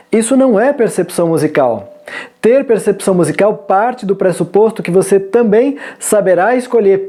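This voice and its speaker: Dark-voiced male forró teacher. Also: high voice. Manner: measured, explanatory, sings short lyric lines to demonstrate counting. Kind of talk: instructional video lesson.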